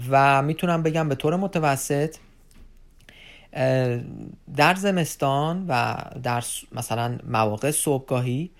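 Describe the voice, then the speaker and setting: A man giving an unscripted informational talk to viewers as an advisor, addressing them as friends and pausing often on fillers. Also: medium pitch. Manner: unscripted explaining with many filler pauses.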